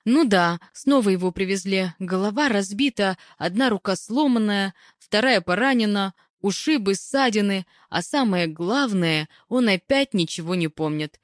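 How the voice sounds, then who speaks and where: A woman's voice: mid-range voice, lively intonation, moderate pace, few pauses, dry recording, studio quality, pitched above the performer's own voice, lightly acted. A woman voicing a timid young female hospital nurse who talks hesitantly and apologetically.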